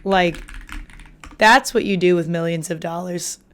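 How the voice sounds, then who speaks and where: A woman's voice: on the low side, fairly even intonation, a little slow, slight background noise. A young woman streamer chatting casually with her viewers, laughing often and using lots of "like" fillers. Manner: chatty, frequent "like" fillers, laughs while talking. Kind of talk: casual live-stream chat.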